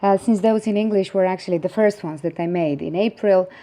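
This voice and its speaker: A woman's voice: medium pitch, fairly quick, warm tone. A middle-aged woman from Croatia with a Croatian accent talks earnestly to camera, rambling with many fillers and restarts. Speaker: vlogger. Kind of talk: casual monologue to camera.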